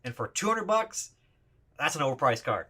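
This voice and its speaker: A man with a bright, forceful voice ranks overpriced trading cards. He is plain-spoken and opinionated, often restarting his sentences. The clip is played back within another video. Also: fairly high pitch, sing-song, moderate pace, husky. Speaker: card reviewer in a played video. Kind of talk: casual ranking commentary.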